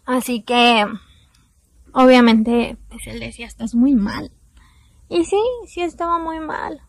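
A young woman with a Mexican accent speaking candidly to her viewers in a personal storytime, in slangy, confessional talk that drops soft at times. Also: on the high side, a little slow, no room sound.

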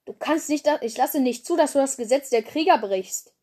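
A woman's voice: sits high, normal speed, a little mellow, voice pushed up, natural voice. A woman voicing a strict female cat deputy with a firm, icy manner.

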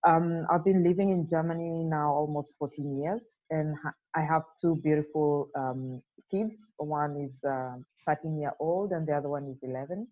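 A woman's voice: low-pitched, moderate pace, warm tone, dull audio. A woman in her forties from Kenya, a podcast guest talking earnestly and reflectively, with many fillers. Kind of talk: casual interview.

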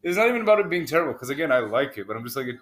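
A man co-hosting a casual podcast, swearing and laughing, swinging from loud bursts to low mutters. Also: very animated, racing. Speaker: podcast co-host.

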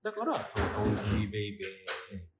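A man with a Kansai accent chats casually as a guest on a podcast, talking fast and animatedly. His pitch swings widely from phrase to phrase. He comes across easygoing and quick to joke. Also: background noise. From Osaka, Japan. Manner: animated, talks in Kansai dialect with easy laughs.

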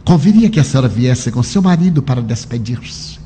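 A man's voice: medium pitch, expressive, a little fast, warm tone, slight background noise, natural voice. A man voicing a blunt hospital doctor delivering grave news in a matter-of-fact way.

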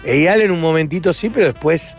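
A man with an Argentine accent tells stories as a guest, his voice sitting somewhat higher than most. He is lively and laughs often. Now and then he acts out the voices of the people in his stories. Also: brisk, soft background music. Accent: Argentine Spanish. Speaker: comedian guest. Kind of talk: casual anecdote-telling.

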